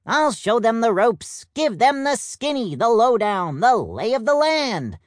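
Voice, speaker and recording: A man's voice: very high-pitched, sing-song, slow pace, dry recording, pitched above the performer's own voice, exaggerated voice. Plum bursts in as a peppy purple peacock, all bounce and chirpy slang, his voice swooping far above the reader's own, as a man puts him on. He swings wildly up and down, speaking in a dry, close storybook recording. Cheerful and a bit boastful, he never sits still. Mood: chipper.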